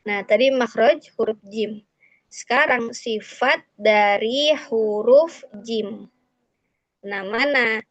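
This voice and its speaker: A woman teaching Quran recitation in a slow, explanatory way, repeating key points. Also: on the high side, dry recording, highs cut off. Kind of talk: tajwid lesson.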